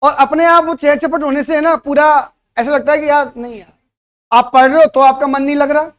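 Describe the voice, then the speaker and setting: A man's voice: very high-pitched, fairly even intonation, brisk, a bit bright. A man teaching at a coaching center, giving a motivational classroom talk and throwing rhetorical questions at his students.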